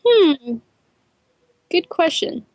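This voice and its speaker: A woman's voice: very high voice, sing-song, extremely slow, darkish tone, no echo, clean studio sound. A young woman, a film director, answering interview questions in a chatty storytelling way with many fillers.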